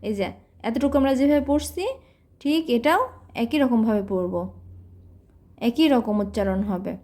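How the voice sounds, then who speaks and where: A woman teaching Quran recitation, patiently explaining pronunciation step by step and chanting each verse slowly. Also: on the high side, warm tone. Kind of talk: slow recitation lesson with drawn-out chanting.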